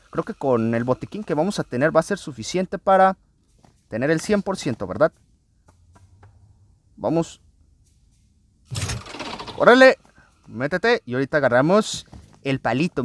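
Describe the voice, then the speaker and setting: Excitable man narrating a game. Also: on the high side. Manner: excitable, often addresses viewers as friends. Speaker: gaming channel host. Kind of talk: let's play commentary.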